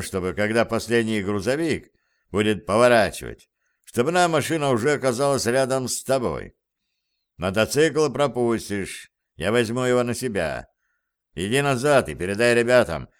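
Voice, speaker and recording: A man voicing a brisk male guerrilla leader who gives curt orders, read as audiobook dialogue. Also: mid-range voice, smooth, close to an everyday voice.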